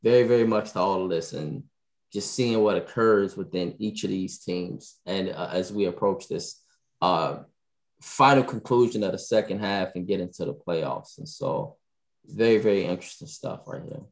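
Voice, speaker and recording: Low-voiced man hosting a sports podcast. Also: moderate pace. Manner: animated, repeats himself often. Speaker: podcast host. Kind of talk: casual sports talk.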